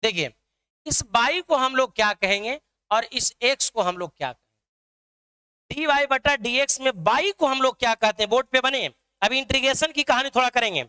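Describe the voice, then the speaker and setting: Online math teacher, male, very high pitch, clear voice, quizzes viewers over and over. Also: moderate pace, sharp tone. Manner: drills students with repeated questions.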